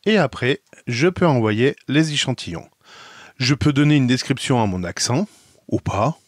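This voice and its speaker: A man's voice: medium pitch, expressive, moderate pace, no room sound. Dry-sounding French man demoing a site. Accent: France French. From France. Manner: chatty, thinking aloud, explaining step by step. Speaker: video blogger. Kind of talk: casual screen demo. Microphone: headset.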